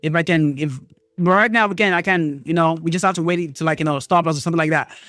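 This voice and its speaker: A man hosting a live trading stream, talking to viewers in an excitable way, swearing and thinking aloud, jumping between loud outbursts and low mutters. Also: quick pace, no room sound, clean studio sound. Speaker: trading livestream host.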